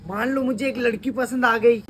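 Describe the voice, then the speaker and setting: A woman's voice: a little high, steady tone, normal speed, reverberant, slight background noise. A woman acting in a comedy sketch, delivering wisecracking comebacks. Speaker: comic sketch performer.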